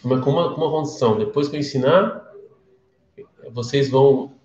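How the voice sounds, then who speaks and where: The audio is dull, in an echoey room, carrying a medium-pitched, slightly mellow male voice at normal speed. He's from Brazil, has a Brazilian Portuguese accent, and gives a casual live-streamed class as a chatty storyteller who questions his listeners.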